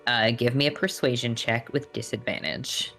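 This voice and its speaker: A man's voice: medium pitch, fairly even intonation, normal speed, a bit bright, faint music behind. A man acting as game master, casually narrating a tabletop role-playing game.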